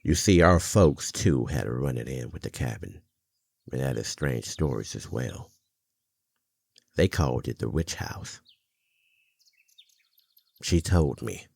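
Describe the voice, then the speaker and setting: An actor voices an older small-town mountain man, a haunted yet gentlemanly storyteller, in an intimate ASMR roleplay. He speaks in halting, folksy phrases with a very deep, gravelly, husky voice, fully in character, on a dry recording.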